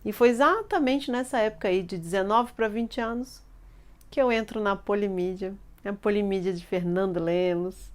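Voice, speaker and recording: A woman, telling a personal life story in an animated way and acting out the people she quotes. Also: medium pitch, normal speed.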